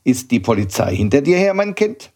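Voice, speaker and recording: A man reading an audiobook, voicing a gruff, grumpy old bookseller who growls and scolds as he questions a boy. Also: medium pitch, sing-song, fairly quick, darkish tone, voice pushed up.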